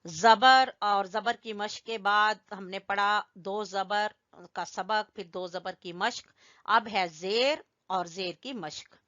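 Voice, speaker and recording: A woman teaching Quran recitation, slowly spelling out letters and vowel marks and having learners repeat them after her. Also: medium pitch, lo-fi sound. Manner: corrects learners gently. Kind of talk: slow drilling lesson with call-and-response.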